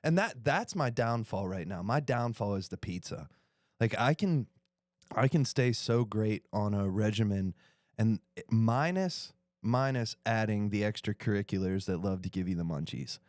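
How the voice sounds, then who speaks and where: Low-voiced slangy man, hyped. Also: expressive, normal speed, darkish tone, no room sound, clean studio sound. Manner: enthusiastic, slangy, calls people dude. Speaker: podcast co-host. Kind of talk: casual group chat.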